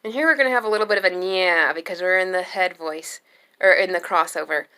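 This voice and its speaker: A young adult woman giving a singing lesson, explaining slowly and calmly between sung demonstration notes. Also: lowish voice, clear, resonant tone. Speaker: singing teacher.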